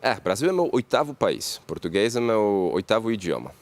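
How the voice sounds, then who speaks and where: A man from Poland with a Polish accent, a company CEO interviewed as a guest, talking in a pragmatic, optimistic, measured way. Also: on the low side, big pitch swings.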